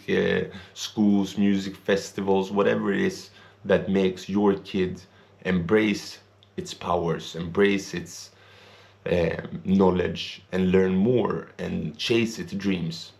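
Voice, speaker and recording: The voice is low-pitched, gravelly, and a little mellow, with little pitch movement and a slow pace. It belongs to a young vlogger born and raised in Sweden, earnestly rambling through an English opinion monologue with non-native grammar.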